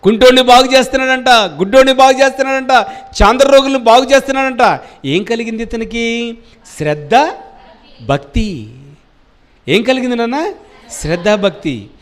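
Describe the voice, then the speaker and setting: A pastor preaching a sermon with call-and-response and sudden loud cries. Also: male voice, very high-pitched, expressive, moderate pace, pauses often. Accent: Telugu.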